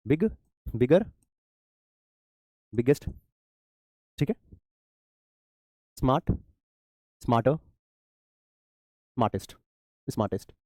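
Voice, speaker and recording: A man's voice: medium pitch, expressive, takes it slowly, long pauses, a little mellow, dry recording, studio quality. A man teaching an online English grammar class, calling his students "beta" and asking and answering his own questions.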